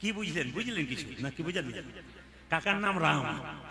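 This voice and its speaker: A man's voice: on the high side, lively intonation, moderate pace, pushed and bright. A man giving a devotional stage talk, telling stories and jokes and leading the audience in chanting. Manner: storytelling, jokes with the audience, leads call-and-response chanting. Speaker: kirtan singer and preacher. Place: stage program before a live audience. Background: music.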